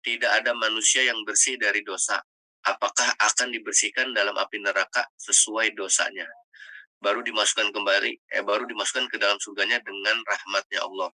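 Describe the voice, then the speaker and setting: Male moderator, low bright voice, dry room, formal and polite. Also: steady tone, fairly quick, dry recording, low-quality recording. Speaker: moderator reading questions. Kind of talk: reading out questions.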